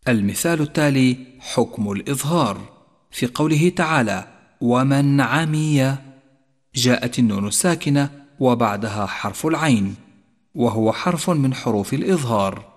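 A man teaching Quran recitation rules, explaining calmly and chanting the examples slowly. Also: medium pitch. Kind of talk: tajweed lesson with slow recited examples. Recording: long reverb.

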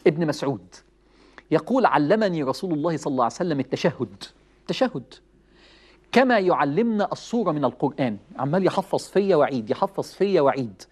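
A man with an Egyptian Arabic accent giving a lively religious talk, telling stories, chuckling and acting out quoted lines. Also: fairly high pitch, fast talker. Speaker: preacher.

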